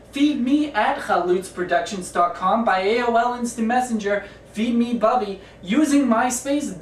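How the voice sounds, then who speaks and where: Brisk woman co-host in an echoey room. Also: medium pitch, a little hiss or hum. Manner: brisk, announcer-like. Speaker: co-host reading viewer questions. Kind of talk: casual show hosting. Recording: echoey room, mic at a distance.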